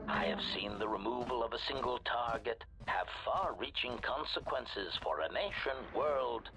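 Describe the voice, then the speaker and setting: Metallic, filtered assassin droid. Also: male voice, medium pitch, creaky, exaggerated voice, rough recording. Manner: clipped, formal, labels each sentence before speaking it. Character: cold, sardonic male assassin droid. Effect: metallic robot voice filter. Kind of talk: video game character dialogue. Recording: game audio with background music. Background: game music.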